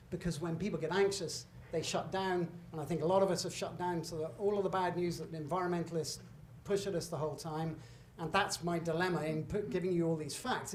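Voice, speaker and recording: A man's voice: a little high, darkish tone. Man lecturing in an echoey hall. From Britain. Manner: conversational and emphatic, with asides and self-corrections. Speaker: guest lecturer. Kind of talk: public lecture with slides. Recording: echoey hall, faint room noise.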